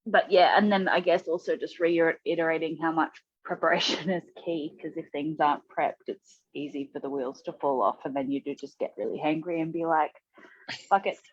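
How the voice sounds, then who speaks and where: A woman's voice: deep voice, steady tone, normal speed, few pauses, slightly rough, muffled recording. A woman giving a casual check-in as a program participant, informal and hedging as she talks. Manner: informal, hedging with lots of "like" and "kind of".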